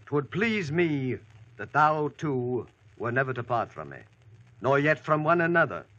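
A man's voice: medium pitch, very animated, measured pace, a bit bright, highs cut off. An actor playing a noble, ceremonious king in mock-archaic radio drama, with formal, rhetorical delivery. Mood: benevolent. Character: noble, grateful, ceremonious king of medieval legend. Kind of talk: 1940s radio acting in mock-archaic English. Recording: band-limited old radio recording.

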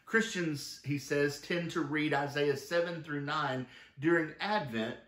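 A man's voice: on the high side, takes it slowly, a bit bright, reverberant. A man, the pastor, preaching a sermon and reading long quoted passages from a book aloud. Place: church sanctuary.

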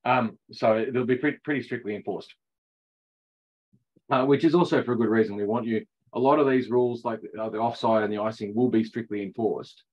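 Over a dull, lo-fi video call, a middle-aged man coaches ice hockey, going through the rules chattily and chuckling at his own jokes. His mid-range voice moves briskly.

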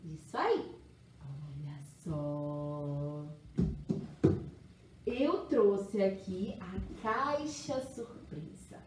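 Kindergarten teacher lady, slow and singsong, a bit high, echoey room from a distance. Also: lively intonation, background noise. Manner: exaggerated, singsong, encouraging teacher talk. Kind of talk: children's phonics lesson.

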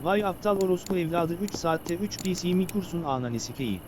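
A man's voice: high-pitched, expressive, fairly quick, a little mellow. A man in crude, mocking banter, heckling a friend through a game. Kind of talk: casual gameplay banter. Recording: noisy background.

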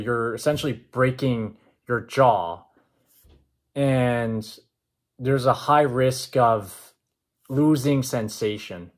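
A man in a measured, matter-of-fact vlog style. His voice is mid-pitched. He talks to a camera about an arm's length away, indoors at home. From Canada. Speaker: vlogger. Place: indoors, open-plan home with kitchen and stairs.

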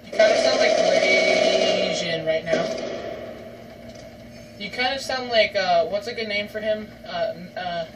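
A gaming channel host giving casual gameplay commentary, joking and breaking into yells and laughter. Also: medium pitch, a little slow. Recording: distant mic with loud background noise.

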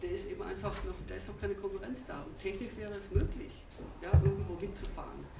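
A man's voice: high voice, quick pace, vocal fry, very noisy. A man from the audience at a public panel discussion, speaking hesitantly with many fillers. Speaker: audience member. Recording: roomy, distant hall mic.

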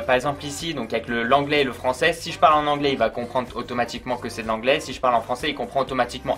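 A man's voice: mid-range voice, a bit bright. A man giving a casual product review, chatty and full of fillers, talking straight to the viewer. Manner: chatty, many fillers, addresses viewer informally.

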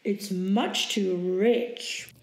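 A woman's voice: mid-range voice, fairly even intonation, drawn-out words, roomy sound. A woman voicing a haughty, bossy teenage girl in a fan audiobook, talking down and giving orders. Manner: condescending and commanding.

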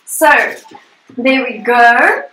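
Bubbly high-voiced woman art instructor. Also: very animated, extremely slow, fairly bright tone. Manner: chatty and upbeat, laughs often. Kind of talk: live guided painting class. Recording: echoey room.

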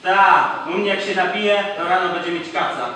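A crude, grumpy country husband mocks his wife in rough slang, played by a teenage boy in a school cabaret sketch. His voice sits high for a man. It is caught from far off in a very echoey hall, with an audience loud behind it. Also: fairly even intonation, moderate pace, crowd noise, lightly acted. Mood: mocking. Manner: gruff, mocking, crude slang. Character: grumpy coarse rural husband Mietek. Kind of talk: stage comedy sketch. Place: school auditorium stage. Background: audience laughter.

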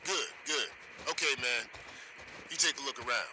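A man's voice: medium pitch, normal speed, background noise. An actor playing a matter-of-fact male military lieutenant who gives terse, practical instructions over a CB radio in a video game. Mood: instructing. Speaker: radio contact giving a task.

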